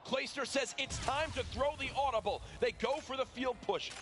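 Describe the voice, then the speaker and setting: A man doing play-by-play esports commentary, excitable and building to shouts at big moments. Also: very high voice, normal speed. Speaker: esports caster.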